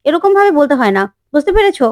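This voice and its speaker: A kindly mother-in-law who talks in a soothing, motherly way, read out by a woman. Her voice is high and gentle. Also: sing-song, fast, no room sound, clean studio sound.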